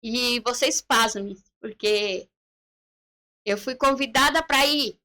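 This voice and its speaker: A woman's voice: on the high side, slow. A middle-aged woman giving a personal faith testimony on a church live stream, telling her story vividly and acting out the dialogue she remembers. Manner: animated storyteller who acts out the dialogue she recalls.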